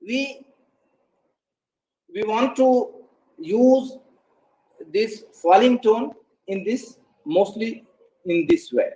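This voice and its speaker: A man's voice: high-pitched, animated, drawn-out words, long pauses, mellow, rough recording. A man giving a lecture on English intonation to learners, hesitant, with many fillers and restarts. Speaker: English pronunciation presenter.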